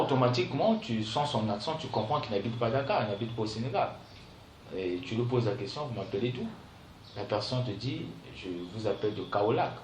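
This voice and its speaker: A male trainer leads a classroom session. He keeps asking if he is understood and slowly repeats key phrases for the class to note down. The room is echoey, with a faint hum of noise behind him. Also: mid-range voice. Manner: keeps checking in with "d'accord?" and "vous comprenez?". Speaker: call center trainer.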